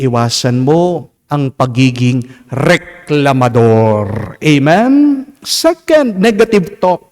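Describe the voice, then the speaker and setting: A male Filipino priest with a Filipino accent preaching a homily at Mass, mixing English and Tagalog, asking the people "Amen?", and moving from soft low asides to high, emphatic lines. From Philippines. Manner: mixes English and Tagalog, asks the congregation "Amen?". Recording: long church reverb.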